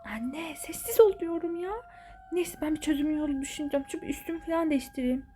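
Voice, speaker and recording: A woman voicing a worried schoolgirl who fears for her friend, speaking anxiously and often in a hushed voice. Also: high voice, fast, soft background music, natural voice. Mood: urgent.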